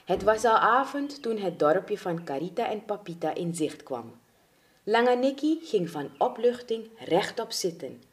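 A woman reading a children's story aloud in an expressive, dramatic way. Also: medium pitch, a little slow.

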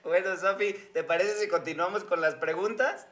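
A man's voice: high voice, fairly even intonation, moderate pace, a bit bright, slight background noise. A man, hosting a casual podcast and joking while steering the segments. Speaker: podcast host.

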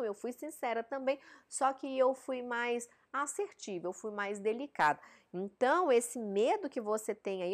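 A woman with a Brazilian Portuguese accent hosting a live-stream Q&A, answering viewers' relationship questions in a frank, direct way and often checking in with short tag questions. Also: on the high side.

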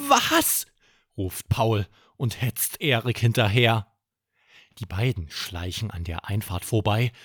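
A man narrating a bedtime story for children in a calm, gentle, expressive way. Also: lowish voice, no echo, studio quality.

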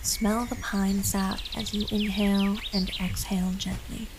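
A woman host narrating a scripted guided meditation in a calm, gentle, soothing and unhurried manner. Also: mid-range voice, background noise. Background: background music.

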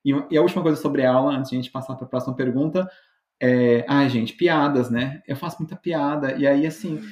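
A man's voice: medium pitch, a little fast, a little mellow. A Brazilian man with a Brazilian Portuguese accent, a guest chatting casually on a podcast as a joking, self-mocking storyteller full of fillers. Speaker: podcast guest, medical educator. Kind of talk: casual interview chat. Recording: roomy echo.

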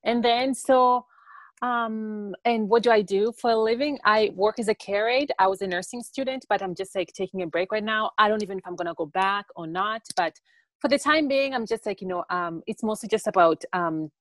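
A woman's voice: mid-range voice, brisk, a bit bright, no echo. Young woman from tanzania, guest chatting, rambly with lots of ums, dry sound. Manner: rambling, many fillers and restarts. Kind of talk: casual interview.

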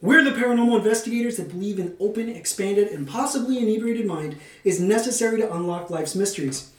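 Speaking fast in a high register, this podcast host moves between semi-scripted narration and loose, playful banter, often with a theatrical turn of phrase. The mic sits far away, leaving plenty of room echo.

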